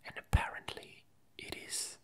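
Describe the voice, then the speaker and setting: A woman who makes ASMR videos chats casually in a breathy whisper with a darkish tone. She speaks slowly and haltingly, leaving long pauses between her words.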